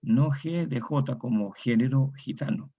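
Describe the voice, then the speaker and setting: This muffled recording of an online lecture features a Chilean man speaking at a measured pace in a medium pitch. As a university lecturer, he proceeds methodically, saying every example word twice and adding tag questions.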